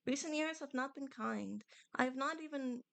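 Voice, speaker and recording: A woman's voice: sits high, normal speed, creaky, dry recording. A woman voicing a very old, apologetic village tea farmer in formal, courteous, old-fashioned phrasing, reading video game dialogue. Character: polite, apologetic elderly village tea farmer, Grandpa Liu.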